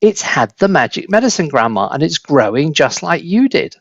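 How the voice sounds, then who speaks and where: Man doing an eager, high-pitched young boy. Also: big pitch swings, moderate pace, no echo, lo-fi sound. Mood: excited. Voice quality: shouting.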